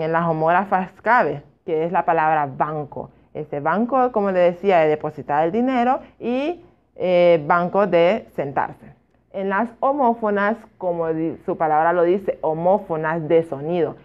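A woman teacher explains a lesson in a steady, methodical way, giving one example after another and pausing to correct small slips. Her voice sits fairly low for a woman. The recording sounds dull and lo-fi. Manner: slow and methodical, gives examples, self-corrects. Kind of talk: video class explanation.

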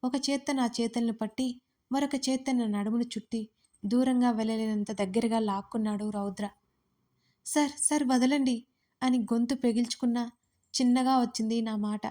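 A woman telling a first-person romance story with expressive, dramatic delivery. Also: a little high, fairly quick.

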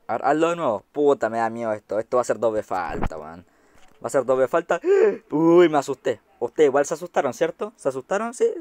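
A man with a Chilean Spanish accent giving excitable, chatty gameplay commentary to his viewers, swearing casually. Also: medium pitch, no room sound. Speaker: gaming YouTuber.

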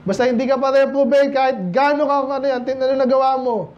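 High-voiced Filipino pastor preaching. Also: male voice, steady tone, fast talker, a little mellow, highs cut off. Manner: conversational preaching, asks the congregation "Amen?"; acts out quoted voices of listeners. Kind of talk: midweek Bible-study sermon. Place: small church hall.

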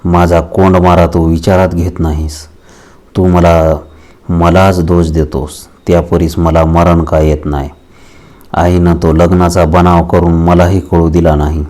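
A man's voice: low-pitched, level tone, a little slow, warm tone. A man reading as a distraught young village woman. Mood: anguished. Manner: pleading, anguished.

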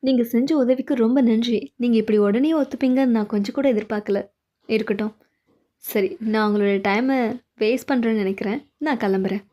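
A woman voicing a calm, shrewd older man who speaks in a measured, composed way, in an amateur dub of an animated story. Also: a little high, natural voice.

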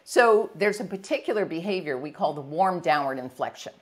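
Energetic woman coach, lively pitch. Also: brisk. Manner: energetic, acts out examples in varied voices. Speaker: leadership coach and guest. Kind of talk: conversational podcast interview.

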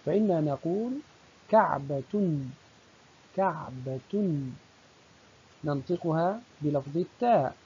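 Husky breathy teacher voice, warm and mellow, dull lo-fi recording. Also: medium pitch. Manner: slow, deliberate, drawing out example words. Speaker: primary school teacher. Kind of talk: recorded classroom lesson.

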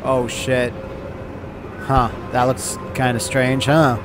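A young man doing excitable, crude, jokey let's play commentary, breaking into loud bursts. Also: medium pitch, slow pace, over loud music. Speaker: gaming commentator.

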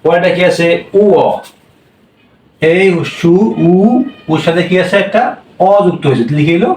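A man's voice: fairly high pitch, moderate pace, a little mellow, reverberant, far from the mic, poor audio. A man teaching a language class, drilling sounds with repeated questions. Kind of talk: classroom lesson.

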